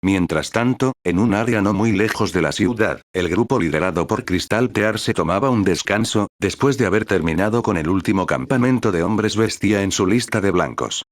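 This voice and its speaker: A man narrating a fantasy novel chapter in an even, unhurried reading voice. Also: lowish voice, no room sound, clean studio sound.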